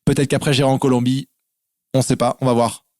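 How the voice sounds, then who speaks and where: A man's voice: medium pitch, little pitch movement, brisk, a little mellow, no room sound, studio quality. A man from France, a guest in a casual interview, explaining things in lists with lots of fillers. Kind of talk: casual interview over a call.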